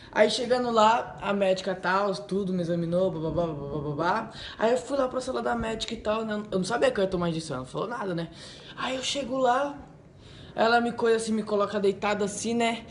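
A man's voice: high-pitched, slight background noise. A man telling funny personal stories in a casual, rambling vlog at home, full of fillers. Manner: excitable, rambling, full of "tipo assim" and "né". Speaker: channel host. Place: at home by a wall indoors.

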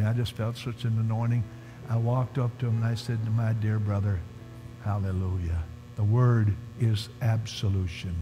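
A man preaching a sermon at a conference, telling a story emphatically and calling out to the congregation. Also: medium pitch. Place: large conference hall. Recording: reverberant hall, faint music underneath.

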